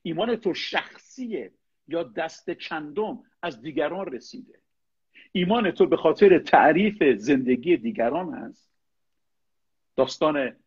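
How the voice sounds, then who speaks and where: A man's voice: a little high, husky, highs cut off. A middle-aged man, a pastor, preaching a sermon, asking his listeners pointed rhetorical questions and addressing them directly.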